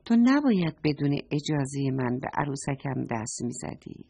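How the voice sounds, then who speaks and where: A woman's voice: low voice, sing-song, dark tone, breathy edge, no room sound, pitched below the performer's own voice, heavily acted. A woman voicing a little girl who guards her new doll, speaking in a childlike, reproachful way, on a dull lo-fi recording. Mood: childish, earnest.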